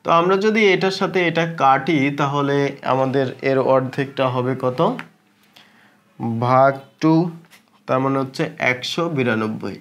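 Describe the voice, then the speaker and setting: A man's voice: mid-range voice, a little slow, a bit bright. A man with a Bangladeshi Bengali accent teaching a step-by-step math lesson, drawing out terms and asking rhetorical questions as he works.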